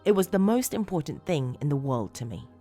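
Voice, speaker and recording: A female narrator plays a disturbed woman telling a horror confession over music. Her voice is low and swings expressively as she confides with obsessive, unsettling fondness, pausing deliberately for drama. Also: big pitch swings, dark tone. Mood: wistful, eager. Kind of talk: first-person horror story narration, acted monologue.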